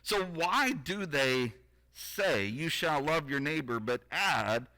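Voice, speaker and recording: A man's voice: on the high side, expressive, takes it slowly, pushed and bright, rough recording. A man preaching a sermon. He reads scripture aloud, then explains it in a conversational way, with wry asides to the congregation.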